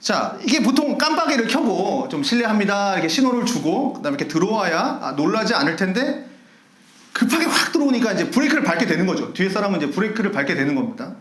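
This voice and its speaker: A man preaching a sermon as pastor, telling a story with lively acted-out shouts and laughter. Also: high-pitched, fast, echoey room. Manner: animated storyteller acting out angry shouts and laughing. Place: church sanctuary.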